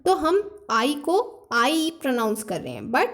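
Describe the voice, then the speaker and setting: High-voiced woman teaching a lesson. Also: very animated. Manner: Hindi-English mixed explanation, repeats points, reads out example words slowly. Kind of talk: classroom lesson explaining phonetics.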